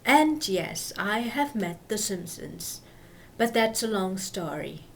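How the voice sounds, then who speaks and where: A woman from Malaysia, giving scripted voice-over narration in a measured, explanatory way. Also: mid-range voice, animated, gravelly, a bit bright, a little hiss or hum, poor audio. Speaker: video narrator.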